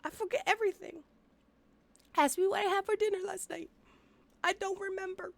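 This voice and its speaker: Congested and sniffly, a woman chats playfully with viewers while streaming a game, sounding bubbly and nasal. Her voice is very high-pitched and slightly gravelly, with a steady tone, a somewhat quick pace, and no room sound.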